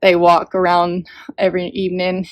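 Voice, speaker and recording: Chatty young mom vlogging from an RV. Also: female voice, lowish voice, completely flat delivery, moderate pace. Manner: chatty, rambling with fillers and little laughs. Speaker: family vlogger host. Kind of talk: casual vlog chat. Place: RV living room.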